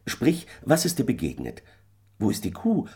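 A man's voice: mid-range voice, wildly swooping pitch, normal speed, gravelly, mellow, breathy edge, voice pushed up, full character voice. A man voicing a worried, scolding peasant wife in a fairy tale, firing off nagging questions.

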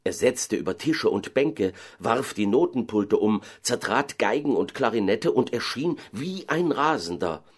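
A man narrating a fairy tale in an expressive, dramatic way. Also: mid-range voice, unhurried, hardly any pauses, husky.

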